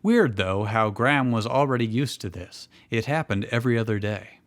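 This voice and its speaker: Animated and mid-range in voice, moving at a moderate pace, this man reads fan fiction as a show host. He often interrupts the reading with jokes and casual comments about what he's just read.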